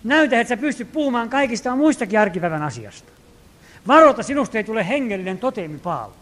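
A male pastor preaching a sermon, earnest, swinging from loud calls to hushed asides, acting out quoted prayers. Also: very high voice, big pitch swings. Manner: acts out quoted prayers and commands.

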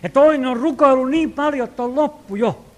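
A man with a notably high voice delivers a sermon as a pastor. He preaches earnestly, rising to loud calls and dropping to quiet, hushed asides. He acts out the prayers and commands he quotes.

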